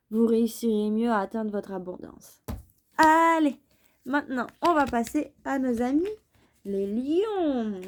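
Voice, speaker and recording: Slow, mellow-voiced woman tarot reader. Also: a little high. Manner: chatty, repeats phrases, playful asides. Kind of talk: casual tarot reading monologue.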